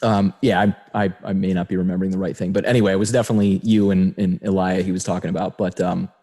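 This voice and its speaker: A man's voice: deep voice, little pitch movement, fast, warm tone. A man hosting a podcast, chatting casually with many fillers and easy laughter. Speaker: podcast host.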